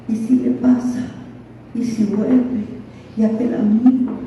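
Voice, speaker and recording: A woman's voice: a little high, a little hiss or hum. A middle-aged woman from Guatemala, preaching a sermon with passion, telling stories and asking rhetorical questions. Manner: impassioned, storytelling with rhetorical questions. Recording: echoey hall, distant dull mic.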